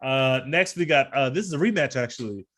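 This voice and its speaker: A man's voice: mid-range voice, lively intonation, a little fast, a bit bright. A man co-hosting a casual podcast, talking fight picks in a laid-back, slangy way and laughing often. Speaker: podcast co-host. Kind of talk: casual sports betting chat.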